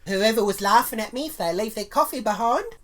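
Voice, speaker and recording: A woman's voice: a little high, animated, brisk, slight background noise. A woman with an Australian accent telling a crude story and giving a cooking tutorial, swearing bluntly all the way through. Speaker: vlogger.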